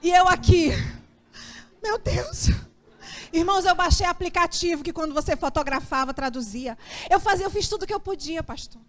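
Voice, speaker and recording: A woman's voice: extremely high pitch, moderate pace, fairly bright tone. A woman pastor with a Brazilian Portuguese accent preaching a sermon, telling a personal story and acting out her own anxious prayers. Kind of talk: sermon testimony.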